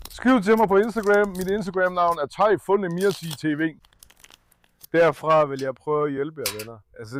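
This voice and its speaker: A young man caring for a sick puppy on camera, earnest with viewers and coaxing softly with the dog. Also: on the high side. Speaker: animal caretaker and channel host. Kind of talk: casual vlog explaining care of a sick puppy.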